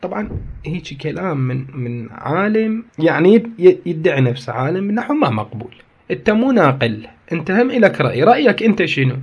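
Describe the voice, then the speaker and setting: A man's voice: on the high side, very animated, a little fast, husky, highs cut off. A man with an Iraqi accent giving a grammar lesson, reading passages aloud and then explaining and disputing them, often repeating key phrases. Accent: Iraqi Arabic. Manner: reads a text aloud, then explains and argues with it. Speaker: teacher. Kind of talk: grammar lecture.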